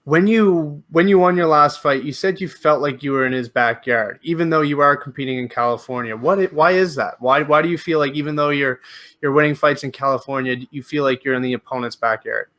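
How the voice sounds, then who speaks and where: A man's voice: on the high side, brisk, a bit bright. A man hosting a podcast, asking long questions with frequent restarts and fillers. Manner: rambling questions with many restarts. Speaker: podcast host. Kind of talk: casual interview.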